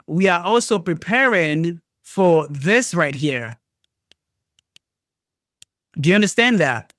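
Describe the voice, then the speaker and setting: A trading livestream host talks excitably to viewers, swearing and thinking aloud as he swings between loud outbursts and low mutters. The sound is studio quality, with no room sound.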